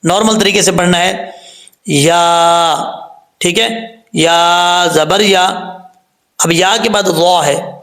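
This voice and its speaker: Poor audio and an echoey room carry a man's high voice with vocal fry. Speaking with a Pakistani Urdu accent, he leads a step-by-step tajweed lesson, reciting each letter slowly and repeating it patiently.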